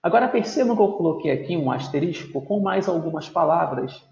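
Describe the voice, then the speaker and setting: A man's voice: on the high side, lively intonation, fairly quick, vocal fry, a little mellow. A man teaching a video lesson, explaining step by step and often checking in with his students. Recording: roomy, dull lo-fi sound.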